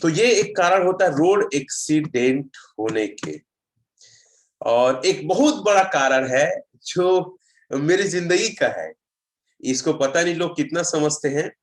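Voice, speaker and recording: A man's voice: on the high side, expressive, takes it slowly. A man giving a casual online session on road safety, telling stories and reading out viewer comments. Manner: chatty storyteller, reads out viewer comments.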